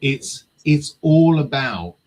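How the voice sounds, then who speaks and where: A man's voice: medium pitch, sing-song, slow, a little mellow, low-quality recording. A man talking football tactics in casual chat, passionate and swearing freely.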